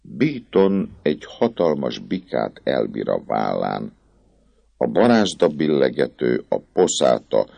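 A man narrating an audiobook in an expressive, lively reading style. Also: rumbling low, gravelly, no room sound. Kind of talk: scripted story narration.

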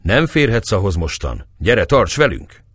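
A man's voice: fairly low pitch, sing-song, a bit bright, slightly rough, no echo, clean studio sound, heavily acted. A man doing a jovial, coaxing nobleman. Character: jovial Hungarian nobleman feasting with Turks.

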